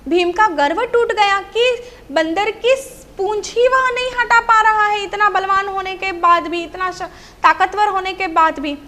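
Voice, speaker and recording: Female teacher, very high voice, bright tone, retells a story for a class with rhetorical questions. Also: measured pace. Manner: repeats and asks rhetorical questions. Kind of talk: explaining a story lesson to children.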